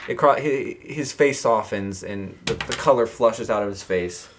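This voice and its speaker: A man's voice: lowish voice, moderate pace. A man running a tabletop role-playing game for friends in a casual, joking, crude style. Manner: informal, joking, crude humor. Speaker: game master. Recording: noisy room recording with clicks.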